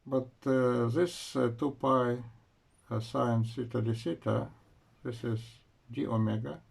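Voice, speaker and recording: Slow gravelly man lecturing physics. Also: mid-range voice, steady tone. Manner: slow, halting, frequent "uh" pauses while writing. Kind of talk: university lecture.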